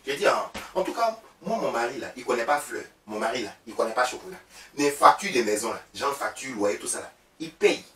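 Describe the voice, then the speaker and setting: A man's voice: mid-range voice, a little fast, recorded from a distance, lightly acted. A man playing a chatty, boastful woman who gossips about her husband, with an Ivorian French accent, in a comic sketch. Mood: gossipy. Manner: gossipy, animated, loud outbursts. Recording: roomy, from off-mic, faint background.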